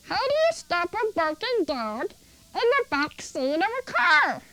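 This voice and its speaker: Childlike TV host character, very high and singsong, played by a woman, for a kids' show. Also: background noise, exaggerated voice. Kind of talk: children's TV acting.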